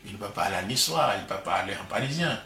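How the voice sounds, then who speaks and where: An older retired professor with a Congolese French accent is interviewed in his living room, speaking proudly and expansively and laughing easily. His lowish voice is animated, rapid-fire, and sharp, captured from a distance in a roomy home recording with slight background noise.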